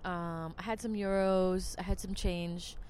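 A woman's voice: lowish voice, steady tone, measured pace, a little mellow, slight background noise. A woman from New Jersey, a podcast host telling rambling stories in casual chat. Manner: chatty, rambling, lots of "like". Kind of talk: casual storytelling monologue.

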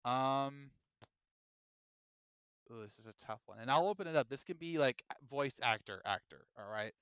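A man co-hosting a podcast in casual chat, animated and jokey, often slipping into silly impressions. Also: mid-range voice, normal speed, clear, resonant tone, no echo. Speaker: podcast co-host.

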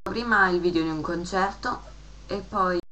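A woman hosting a casual show, chatting to viewers and reading a rhymed joke aloud with lively emphasis. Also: on the low side, moderate pace, slight background noise, low-quality recording. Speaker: host.

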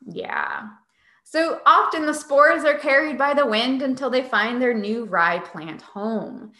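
A woman's voice: sits high, a little slow, bright, forceful tone, reverberant. A woman hosting a casual science podcast, explaining things in a chatty, sarcastic way. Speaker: podcast host.

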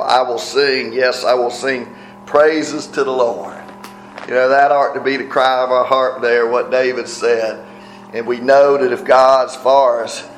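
Male preacher, mid-pitched voice, casual sermon delivery in a reverberant room. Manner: conversational, rhetorical questions, frequent "right?". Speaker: pastor.

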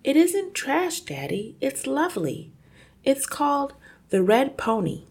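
A woman voicing a polite, clever little girl in a storybook reading, speaking pleasantly and high. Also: very animated, measured pace, darkish tone, full character voice. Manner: pleasant, sweet.

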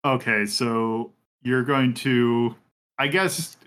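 A man's voice: mid-range voice, fairly even intonation, takes it slowly, a bit bright, clean tone. A man running a tabletop game as game master, narrating with many fillers and restarts.

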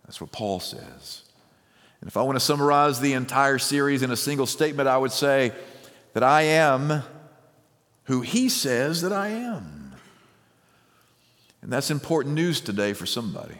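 A man preaching a sermon as pastor, measured and emphatic, with deliberate pauses and repeated phrases. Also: mid-range voice, lively intonation, fairly bright tone. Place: church sanctuary. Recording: long reverb of a large hall.

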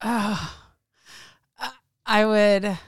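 A woman's voice: mid-range voice, fairly even intonation, extremely slow, no echo, clean studio sound. A woman co-hosting a podcast in casual chat, talking with many likes and restarts, and with the hiccups. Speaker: podcast co-host.

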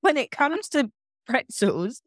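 A woman guest who works as a nutrition coach, talking in a playful, animated way and often repeating words. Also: high-pitched, slow, no room sound. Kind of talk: casual interview chat.

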